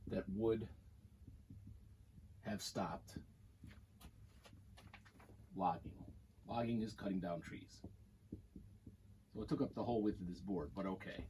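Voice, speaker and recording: A man with a fairly low voice gives a classroom lecture, talking through examples on a board. He explains in an easy, conversational way, and faint noise sits under the recording. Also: warm tone, low-quality recording. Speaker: college math instructor.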